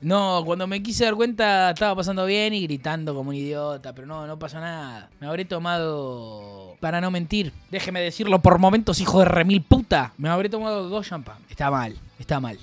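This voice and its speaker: Man, Rioplatense Argentine accent, casual stream chat, rambling and joking, slightly high pitch, faint background music. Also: moderate pace, fairly bright tone.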